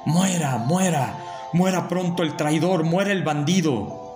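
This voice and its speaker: A man voicing an enraged crowd that howls for a prisoner's death, in shouted, savage chanting. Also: on the high side, measured pace, roomy sound, voice pushed up, close to an everyday voice. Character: furious crowd howling for a traitor's death. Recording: voice over loud music.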